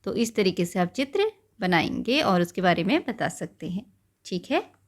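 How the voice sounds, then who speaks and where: A woman's voice: mid-range voice, big pitch swings, normal speed. A woman teacher patiently explaining a textbook lesson to young children, repeating words and stopping to explain their meanings. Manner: often checks in with "okay" and "right".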